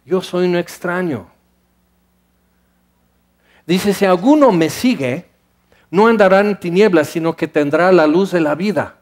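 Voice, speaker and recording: A man preaching a sermon in an animated way, acting out the voices of his listeners and moving between loud and hushed delivery. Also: high-pitched, moderate pace.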